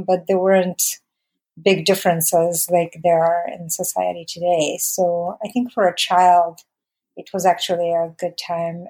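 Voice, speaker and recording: A Bulgarian woman, whose first language is Bulgarian, speaks with a lowish, darkish voice. A documentary filmmaker appearing as an interview guest, she recalls her life conversationally, in a hesitant and reflective way.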